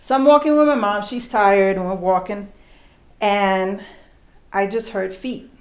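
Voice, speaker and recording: A woman's voice: mid-range voice, echoey room. New woman telling a story live. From New York, USA. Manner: animated, conversational, acts out voices and slows for emphasis. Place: storytelling concert venue with audience.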